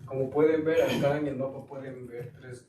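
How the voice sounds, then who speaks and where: A man from Guatemala giving a student presentation to a school board, pausing often with fillers. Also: mid-range voice, steady tone. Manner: halting, with frequent fillers. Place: school board meeting room. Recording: echoey room, far mic, noisy.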